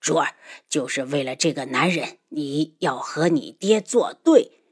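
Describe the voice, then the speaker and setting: A woman's voice: low-pitched, big pitch swings, a little slow, breathy edge, full character voice. A woman voicing a ruthless, scheming old nobleman who mocks and menaces in an audiobook. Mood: yielding. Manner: sneering, menacing. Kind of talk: audiobook character voice.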